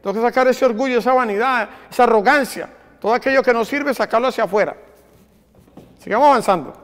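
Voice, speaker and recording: Male preacher, very high voice, call-and-response questions, long church-hall echo. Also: fast, fairly bright tone. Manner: asks the congregation questions and answers them. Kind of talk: sermon.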